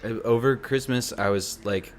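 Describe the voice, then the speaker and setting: A young male podcast host rambles through casual chat from an apartment next to a busy night market, restarting often and leaning on filler words. His medium-pitched voice is going hoarse, moves at a normal speed, and carries slight background noise.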